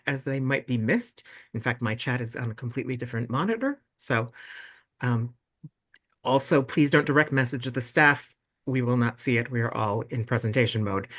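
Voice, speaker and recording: Effusive young male host, upbeat over a video call, middle pitch. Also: a bit bright. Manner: bubbly and effusive, gushing over ideas. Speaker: webinar host for volunteers and parents. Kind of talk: casual online meeting presentation.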